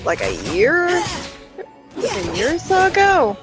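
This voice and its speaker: High-voiced, slow-talking woman streamer. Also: very animated. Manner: halting, many fillers and restarts. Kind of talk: casual gameplay chat. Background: game music.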